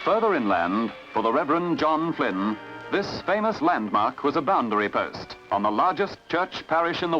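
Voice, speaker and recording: A man's voice: mid-range voice, a bit bright. A man with an Australian accent giving formal, dramatic scripted narration for an old newsreel. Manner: formal, dramatic announcer delivery. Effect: old newsreel recording. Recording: dull lo-fi old film soundtrack with music.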